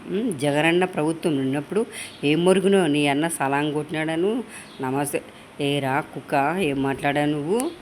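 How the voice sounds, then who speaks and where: A woman's voice: low voice, a little mellow, a little hiss or hum. A woman in an angry political rant, scolding and insulting as she keeps demanding agreement. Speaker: political supporter.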